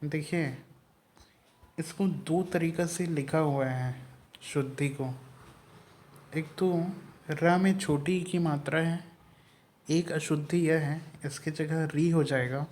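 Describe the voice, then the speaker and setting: Slow, higher-voiced male Hindi teacher. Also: steady tone, darkish tone. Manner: slow, explains each word letter by letter. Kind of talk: exam-prep spelling lesson.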